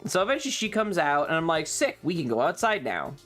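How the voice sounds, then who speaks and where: Like a streamer chatting to viewers, a man rambles casually through a story in loose, halting pieces, wry and informal with some swearing and frequent throat clearing. His voice is on the high side, sing-song and a bit bright, with music playing faintly behind him.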